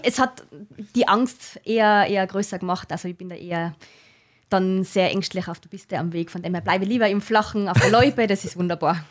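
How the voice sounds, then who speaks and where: A woman's voice: medium pitch, a little fast. A woman from Tyrol with a mild Tyrolean accent, chatting cheerfully and modestly as a singer being interviewed. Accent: Austrian, Tyrolean. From Tyrol, Austria. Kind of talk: casual interview chat.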